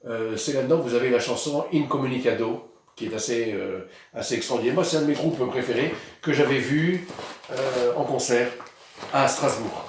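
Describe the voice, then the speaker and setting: A man's voice: medium pitch, moderate pace, heavy reverb, a little hiss or hum. A man casually showing his vinyl records outdoors, rambling with many hesitations. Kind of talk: casual vlog. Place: outdoors in the sun.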